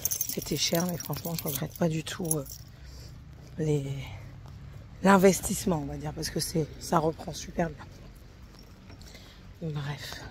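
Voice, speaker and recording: A woman's voice: deep voice, steady tone, measured pace, pauses often, a little mellow, a little hiss or hum. A woman chatting casually to her phone camera outdoors in a garden, swearing freely and getting heated as she talks. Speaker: vlogger.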